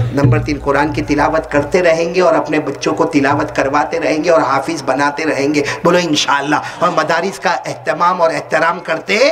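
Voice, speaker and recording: A man's voice: on the high side, fairly bright tone. A man with a Hyderabadi Urdu accent preaching a sermon, joking with the audience and quizzing them for answers at a religious gathering. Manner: jokey, quizzes and teases the audience. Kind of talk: sermon with call-and-response.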